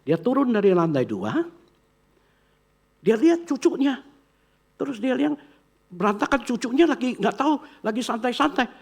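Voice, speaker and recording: A male pastor, telling a story in his sermon and acting out the characters' voices with big swings in pitch. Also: very animated, moderate pace, creaky, pauses often. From Indonesia.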